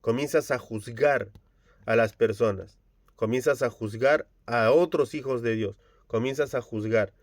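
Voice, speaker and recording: A man preaching a Bible study online, earnest and slow, dropping Japanese fillers between phrases. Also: medium pitch, no echo, clean studio sound. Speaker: pastor.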